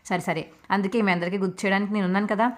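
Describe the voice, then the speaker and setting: A woman's voice: mid-range voice, fairly even intonation, racing, close to an everyday voice. A woman voicing a blunt, sly young husband in a retold TV serial, speaking plainly with light sarcasm.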